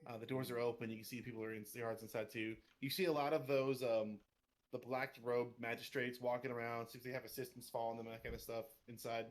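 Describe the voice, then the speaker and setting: A man's voice: medium pitch, level tone, fast. Male game master: chatty, casual, runs the table. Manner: loose and chatty, swears casually, laughs often.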